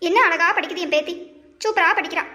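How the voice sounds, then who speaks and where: A woman voicing a nagging old grandmother in a cartoon, grumbling and scolding in a shrill, sped-up voice. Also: quick pace, pushed and bright, roomy sound.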